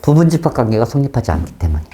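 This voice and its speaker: A male math teacher talks very fast in a medium-pitched voice with big swings in pitch, while background noise can be heard. He often checks whether students are keeping up, alternates between polite and blunt phrasing, and bursts into sudden loud exclamations.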